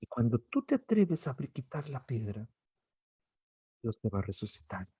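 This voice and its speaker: Guatemalan pastor guy preaching hard, husky dry sound, goes soft then shouts. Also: mid-range voice, big pitch swings, normal speed, dry recording. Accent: Guatemalan Spanish. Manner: impassioned preaching, swinging from soft pleas to loud cries. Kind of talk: sermon. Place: church service streamed online.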